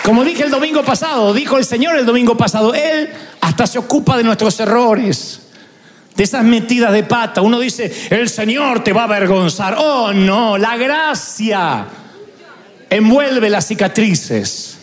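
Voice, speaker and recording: A man, preaching a storytelling sermon that swings from hushed asides to loud, emphatic preaching. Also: extremely high pitch, moderate pace, some chatter behind. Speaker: pastor.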